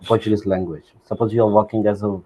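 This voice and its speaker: A man with an Indian accent giving casual advice as a video-call guest, in halting, repetitive English. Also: lowish voice, little pitch movement, warm tone. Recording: dull, noisy video call audio.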